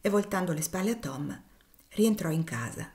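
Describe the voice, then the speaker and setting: Woman, audiobook narrator, classic novel, measured, expressive. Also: on the low side. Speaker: audiobook reader.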